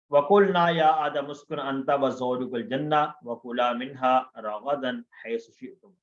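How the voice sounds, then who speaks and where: A man teaching a lesson, explaining word forms patiently and repeating each one slowly, with frequent hesitations. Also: on the high side. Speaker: Quranic Arabic teacher. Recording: dull lo-fi recording.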